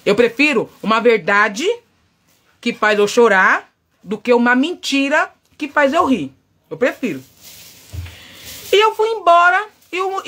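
A middle-aged Brazilian woman chatting loudly and outspokenly with her viewers, telling a story while she works. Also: high-pitched. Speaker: vlogger. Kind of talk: casual chat while painting a wig.

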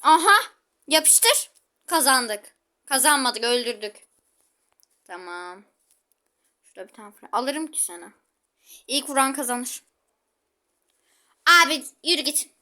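Brief: woman gaming host, high pitch, chatty live commentary with sharp exclamations. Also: expressive, slow pace, long pauses. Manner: chatty, exclaiming, talks to viewers while playing.

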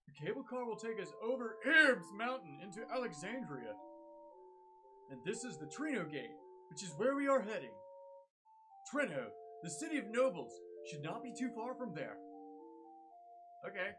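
A man's voice: sits high, very animated, moderate pace, pauses often. A man chatting and joking while he plays a video game, reading game text aloud. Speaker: let's play host. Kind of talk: casual gaming chat. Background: game music.

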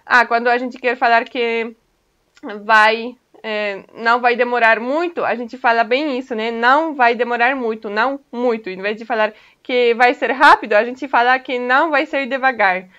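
Bright-voiced woman teaching a language. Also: fairly high pitch, fairly even intonation, moderate pace, clear, resonant tone. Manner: patient, explains step by step, often checks in with "ok?". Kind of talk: casual online language lesson. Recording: dull lo-fi recording.

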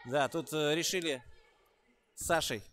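A man's voice: on the high side, background noise. Raised-voice male basketball play-by-play caller. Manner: quick play-by-play calls that rise in excitement, with relaxed chatty asides. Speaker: basketball commentator. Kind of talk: live play-by-play commentary.

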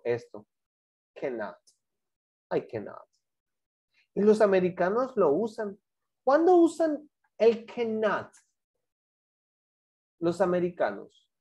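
Guy teaching english online, slow and bouncy pitch, chats w the kids. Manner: switches between Spanish and English, lively and chatty with students. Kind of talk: online class explanation.

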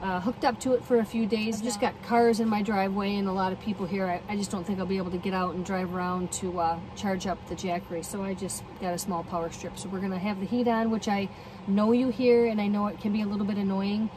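Middle-aged woman talking to her phone in a parked van, chatty and upbeat, heater humming loud behind her. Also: mid-range voice, fast talker. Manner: chatty, upbeat, thinking aloud while showing things. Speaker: van camping vlogger. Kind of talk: casual vlog chat. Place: inside a parked minivan, heater running. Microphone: phone camera held or mounted close. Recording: steady heater noise behind.

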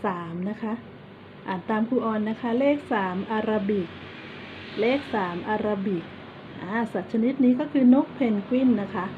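A woman teaching kindergarten children in an online lesson. She coaxes them patiently and spells words out slowly, one letter at a time. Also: on the high side, highs cut off. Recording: steady background noise.

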